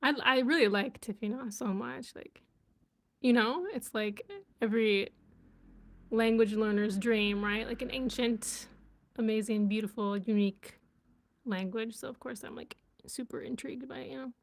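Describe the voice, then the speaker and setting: A woman's voice: on the high side, fairly even intonation, moderate pace, vocal fry. A young woman chatting casually on a live stream, giggling and sounding out words as she learns them. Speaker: vlogger and language learner.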